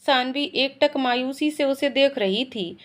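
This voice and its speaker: A woman reading a family story aloud with steady, emotive storytelling. Her voice sits somewhat high. The delivery is scripted narration. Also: measured pace.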